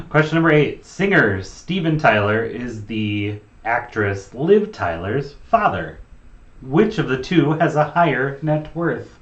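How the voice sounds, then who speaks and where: A man's voice: medium pitch, big pitch swings, takes it slowly. A man co-hosting a live trivia night, reading the questions aloud and trading dry jokes. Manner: dry joking, reads questions with a flourish. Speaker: trivia host. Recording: dull roomy sound with faint hiss.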